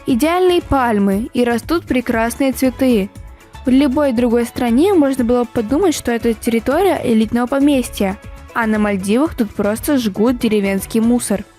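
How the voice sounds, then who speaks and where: A woman's voice: a little high, darkish tone. A woman reading a scripted travel vlog voice-over in a playful, storybook-like way. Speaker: travel vlogger. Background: faint music.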